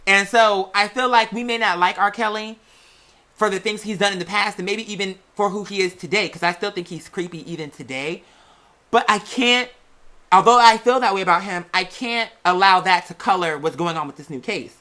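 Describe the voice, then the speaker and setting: Speaking straight to her audience in a loose, conversational monologue, this podcast host and music artist keeps things sassy and chatty, tossing out "girl" and "y'all." The voice sits at a medium pitch with a bright, forceful tone, and she draws out important words with dramatic flair.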